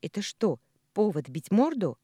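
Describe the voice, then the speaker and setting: A female narrator voicing a spirited, quick-tempered young woman who talks sharply and bossily. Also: medium pitch, sing-song, no echo, studio quality, pitched above the performer's own voice. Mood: exasperated. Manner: sharp, exasperated, commanding. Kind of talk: audiobook character voice.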